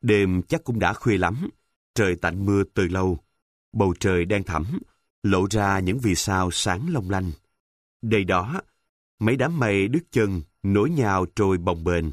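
A man narrating a story in a calm, measured, descriptive reading. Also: low-pitched, no echo, studio quality.

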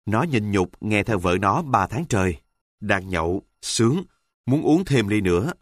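A man telling an earthy, humorous first-person story with a wry, deadpan delivery. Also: on the low side, unhurried, no room sound, studio quality.

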